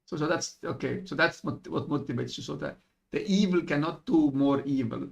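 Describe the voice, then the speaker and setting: Creaky-voiced man thinking aloud. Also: on the high side, normal speed, dull audio. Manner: hesitant, weighs options aloud. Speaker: tabletop game player. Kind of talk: casual in-character debate over voice chat.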